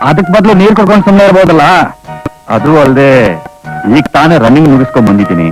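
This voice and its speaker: Film role: an eager job-seeking younger brother, animated and fast, high voice. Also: male voice, over music, rough recording. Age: young adult. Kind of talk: 1980s Kannada film drama acting.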